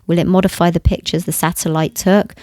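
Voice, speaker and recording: A woman's voice: fairly low pitch, little pitch movement, a little fast, a little mellow, dry recording, clean studio sound, natural voice. A woman voicing a young male cyborg agent who pleads persistently.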